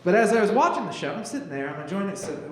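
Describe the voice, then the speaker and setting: A man's voice: high-pitched, big pitch swings, racing. A man hosting a live comedy show, rambling and self-mocking as he reads out scene directions. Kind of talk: live stand-up show banter. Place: live venue with audience. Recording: echoey live venue room.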